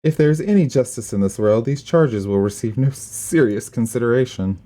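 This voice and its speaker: A man's voice: medium pitch, moderate pace, dark tone, close to an everyday voice. A man voicing a gallant, welcoming male knight commander, reading game dialogue aloud in a formal, dramatic tone.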